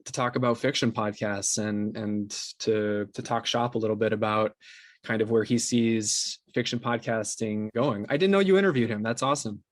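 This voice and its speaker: In a lowish voice, a podcast producer being interviewed talks through his explanations in a conversational, stop-start way, frequently beginning again. The recording is dry, with clean studio sound.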